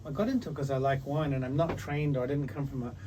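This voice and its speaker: A man's voice: medium pitch, steady tone, quick pace. Older man rambling at a distant mic. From New Zealand. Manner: rambling, storytelling, with many restarts. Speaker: guest winemaker. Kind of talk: casual podcast chat. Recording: distant mic, noisy room.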